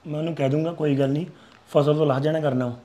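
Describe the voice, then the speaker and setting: Young man playing a rapid placating son. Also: a little high, fairly even intonation, dark tone, slight background noise, lightly acted. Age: young adult. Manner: placating, repeats reassurances. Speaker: actor. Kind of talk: family drama skit.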